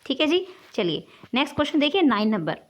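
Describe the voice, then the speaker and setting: A woman's voice: high voice, big pitch swings, fast talker. A woman teaching an English grammar lesson online, explaining patiently step by step and checking in often with her students.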